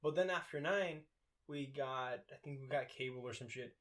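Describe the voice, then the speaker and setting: A man's voice: medium pitch, normal speed, a bit bright. A young man from Mexico co-hosting a podcast in a laid-back, casual chat, swearing and laughing easily. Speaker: podcast co-host.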